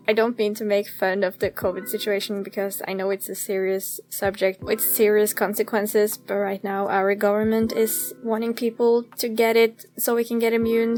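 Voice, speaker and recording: A woman's voice: mid-range voice, a little mellow. A woman in her twenties chatting casually over a game build, giggling often and poking fun at herself. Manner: giggly, chatty and self-deprecating, laughs often. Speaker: gaming YouTuber. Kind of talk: casual voice-over chat during a speed build.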